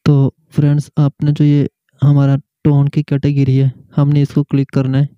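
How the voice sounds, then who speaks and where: A man hosting a keyboard tutorial, slowly explaining each setting step by step. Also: a little high, completely flat delivery, clean tone, no echo. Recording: muffled, slightly lo-fi audio.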